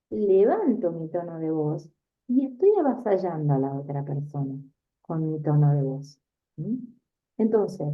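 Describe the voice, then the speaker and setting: A woman teaches a spiritual self-help class, her voice sitting in a middle register. She repeats her points and keeps checking in with her listeners as she goes. The sound is thin and tinny, like a phone line. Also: mid-range voice. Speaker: teacher giving a talk on communication.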